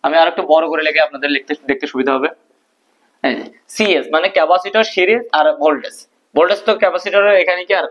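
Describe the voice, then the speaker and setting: Fast-talking man teaching, lo-fi sound. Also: fairly high pitch, fairly bright tone. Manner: asks questions and answers them himself. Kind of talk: physics lesson at a whiteboard. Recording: dull lo-fi recording.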